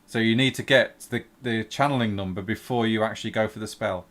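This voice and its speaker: A man's voice: on the low side, brisk, fairly bright tone. A man acting as game master, casually explaining rules and narrating a tabletop game.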